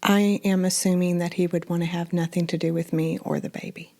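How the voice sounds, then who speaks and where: A woman role-playing a scared eighteen-year-old pregnant girl who has told no one, speaking hesitantly with halting restarts. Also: lowish voice, little pitch movement, mellow, close to an everyday voice. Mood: worried.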